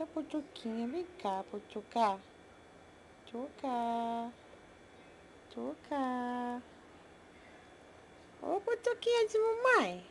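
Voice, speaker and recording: A woman talking baby talk to her pet turtles, cooing in a high sing-song way and calling herself mama. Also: slight background noise.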